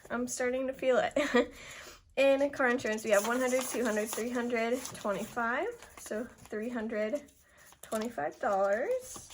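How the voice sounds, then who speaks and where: Casting: young woman, higher-pitched, a bit winded, casual how-along narrator who tallies numbers aloud. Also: a little hiss or hum. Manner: counts amounts aloud step by step. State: slightly out of breath. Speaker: budgeting video host. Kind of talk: casual narration of a hands-on task.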